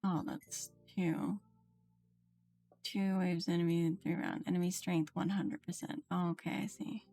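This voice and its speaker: Her voice is lowish and dark, her delivery flat and unhurried, as she livestreams a game with game music behind her. She chats casually, thinks out loud, and reads the dialogue aloud, playfully mimicking the characters.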